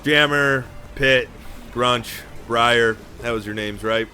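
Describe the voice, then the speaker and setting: A man voicing a loud, friendly male companion in a tabletop game, speaking haltingly. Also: medium pitch, soft background music.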